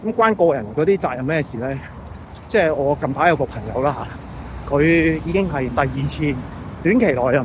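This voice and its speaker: A man with a fairly high voice and a Hong Kong Cantonese accent chats off the cuff like a vlogger. He talks conversationally, tossing in rhetorical check-in questions. Faint outdoor traffic noise sits behind him. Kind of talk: unscripted casual monologue.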